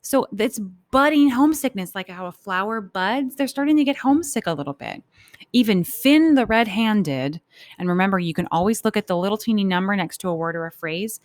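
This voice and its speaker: Speaking in a mid-range voice that's expressive and a little fast, this woman teacher reads a story to children and explains it casually as she goes. She acts out thoughts, and the recording has no room sound.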